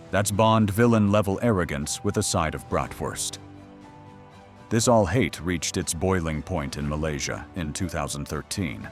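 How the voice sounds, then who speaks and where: A deep-voiced man delivers scripted documentary narration with a dramatic, teasing edge. His pitch swings widely as he tells the story, and soft music sits under his voice.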